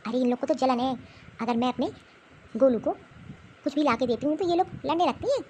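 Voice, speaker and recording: A woman voicing a sharp-tongued, scornful older grandmother in a cartoon who taunts her granddaughters. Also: sits high, lively intonation, fairly quick, slight background noise. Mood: scolding. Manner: scolding, taunting. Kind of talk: cartoon voice acting.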